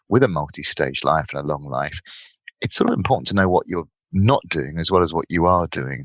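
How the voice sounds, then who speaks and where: A middle-aged British man with a very deep voice takes part in a panel discussion as an expert guest, an economist and author. He lays out his thinking reflectively through lists and examples, in a fairly bright tone.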